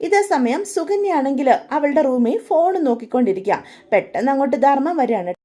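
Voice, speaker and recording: A woman's voice: sits high, lively intonation, a little fast, warm tone. A woman casually narrating a family story, chatting to listeners as she goes. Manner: chatty, addresses listeners with tag words.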